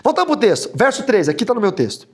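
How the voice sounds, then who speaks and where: A man, a pastor teaching a Bible study in a joking, animated way that often jumps into high mocking tones. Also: quick pace.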